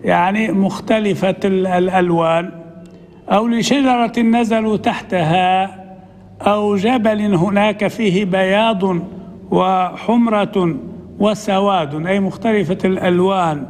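A man, a sheikh, teaching a classical text lesson, reading passages slowly and then explaining them in a conversational way. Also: high voice, steady tone, darkish tone, long reverb tail, slight background noise. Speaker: sheikh teaching hadith commentary.

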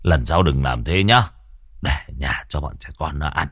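A man voicing a poor, proud old village man who grumbles in a low, scornful voice. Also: expressive, moderate pace, fairly bright tone, no room sound, clean studio sound, exaggerated voice. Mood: gruff kindly.

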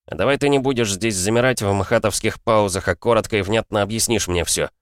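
A man's voice: fairly low pitch, fairly quick, no room sound, studio quality, voice pushed up, natural voice. A man voicing a defiant young man held captive, heated and indignant, in an audiobook. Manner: heated, indignant, sharp outbursts. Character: young man trapped in a strange world, angry and defiant. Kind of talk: audiobook character voice.

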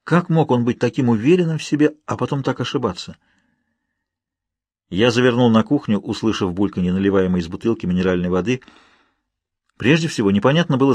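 Husky man narrating an audiobook. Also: medium pitch, a little mellow, no echo. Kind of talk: first-person audiobook narration.

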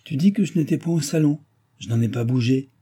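A man voicing an innocent, bewildered young noblewoman in an audiobook, speaking gently and candidly. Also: medium pitch, fairly quick, husky, pitched above the performer's own voice, natural voice. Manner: gentle, candid, wondering questions.

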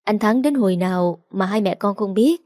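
A woman reading the part of a worried middle-aged mother who gives calm, firm advice. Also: mid-range voice, moderate pace, dry recording, clean studio sound, natural voice. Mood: concerned.

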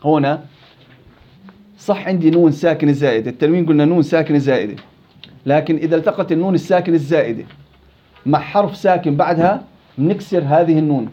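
Quick Levantine Arabic teacher drilling students. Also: male voice, fairly high pitch, warm tone, lo-fi sound. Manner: quizzes students, repeats words to drill them. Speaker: Quran recitation teacher. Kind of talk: interactive tajweed lesson.

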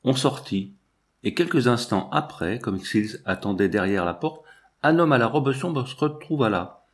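A man with a medium-pitched voice narrates a classic novel for an audiobook, reading in a measured, expressive way.

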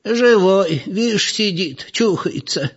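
A gossipy old village woman, as a man puts her on, drawling high and slow. The voice sounds a little husky, and the lo-fi recording is dull. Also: expressive, heavily acted.

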